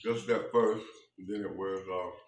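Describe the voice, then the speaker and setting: A man's voice: sits low, steady tone, measured pace. An older man chatting casually while eating sour candy, straining to keep his composure. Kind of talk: casual chat. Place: home dining room, indoors. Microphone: handheld phone a few feet away. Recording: echoey room, distant mic, noisy.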